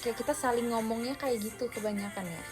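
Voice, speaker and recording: A young woman with a fairly high voice chats loosely to her viewers, leaning on fillers as she explains. Soft music plays faintly behind her phone-recorded stream. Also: a little fast. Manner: chatty and loose, full of fillers, addressing viewers directly. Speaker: idol group member hosting a live stream. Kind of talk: casual live-stream chat to viewers.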